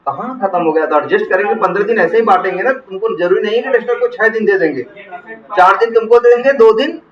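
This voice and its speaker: A man teaching software testing in to a class, asking questions and answering them himself. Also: high voice, fast, a crowd in the background. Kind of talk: classroom lecture. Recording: roomy, distant, muffled classroom recording.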